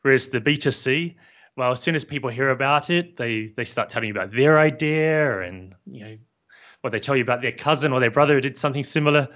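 During a casual interview, a man in his fifties with a New Zealand accent, founder of a software business, explains what his company does. He speaks calmly in a medium-pitched voice, measured and friendly, in plain terms. His home office setup, a boom-arm studio mic plus headphones, yields slightly dull lo-fi sound.

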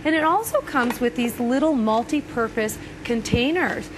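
A woman's voice: on the high side, lively intonation, normal speed. A middle-aged woman demonstrating a product in chatty sales talk as a home shopping host. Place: TV studio kitchen set. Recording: clear background noise, studio ambience.

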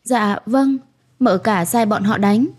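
A woman's voice: mid-range voice, takes it slowly, a little mellow. A woman voicing a desperate young pregnant servant who begs tearfully for mercy, reading an audio story. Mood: pleading. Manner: tearful, begging.

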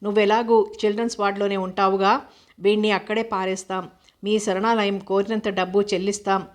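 Favoritist mother in a family story, voiced by a woman narrator; mid pitch, little melody. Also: level tone, fairly quick, close to an everyday voice. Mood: cold. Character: partial mother, doting on one son, harsh to the other.

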